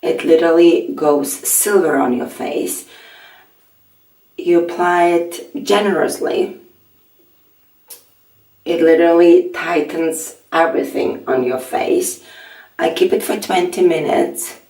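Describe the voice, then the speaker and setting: A middle-aged woman with a raspy early-morning voice, chatting softly through a skincare tutorial and filling her pauses with "um". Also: on the low side. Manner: soft-spoken, chatty, with frequent fillers. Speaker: beauty vlogger. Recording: echoey room, mic at a distance.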